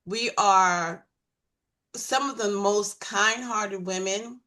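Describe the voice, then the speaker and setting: A woman's voice: medium pitch, slow, sharp tone. A woman from Brooklyn with a Brooklyn accent, telling stories animatedly and laughing as a panelist in a casual chat. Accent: Brooklyn New York. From Brooklyn, New York.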